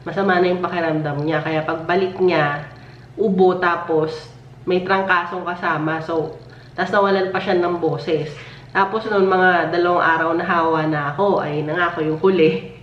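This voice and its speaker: A woman chatting in a vlog at home, giggly and talkative, her voice lowered and a little hoarse after being ill, with an occasional cough. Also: fairly even intonation, normal speed, slight background noise. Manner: chatty and giggly, with frequent laughs. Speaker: family vlogger. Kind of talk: casual chat. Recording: echoey, distant, dull home recording.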